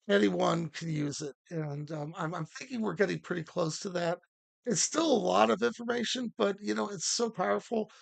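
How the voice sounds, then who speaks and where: A man hosting a casual livestream workshop, talking haltingly with many fillers and restarts. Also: fairly high pitch, creaky, fairly bright tone, no echo. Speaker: host.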